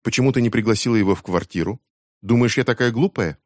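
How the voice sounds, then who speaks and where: A man voicing an angry, grieving teenage girl who hurls quick, shrill accusations at her mother. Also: no room sound, studio quality, lightly acted. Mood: accusing. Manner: shrill, fast accusing outbursts.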